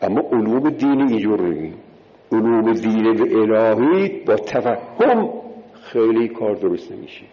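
A man's voice: on the low side, animated. A man giving a religious sermon, emphatic, repeating key words and listing points one by one. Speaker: preacher. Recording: dull lo-fi recording with long hall reverb.

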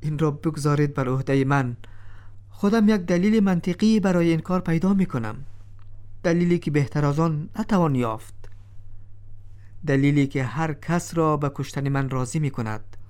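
Man acting clever calm slave, storybook drama, composed and reasoning, smooth clear tone. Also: a little high, lightly acted. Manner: composed, cool-headed pleading. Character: clever calm male slave before the king.

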